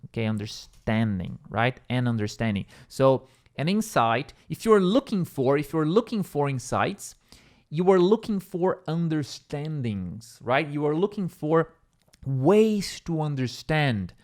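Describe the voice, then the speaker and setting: Brazilian-accented male English teacher, unhurried, animated pitch, keeps checking understanding. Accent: Brazilian Portuguese. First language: Brazilian Portuguese. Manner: repetitive, checks in with "okay?" and "right?". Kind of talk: explaining vocabulary step by step.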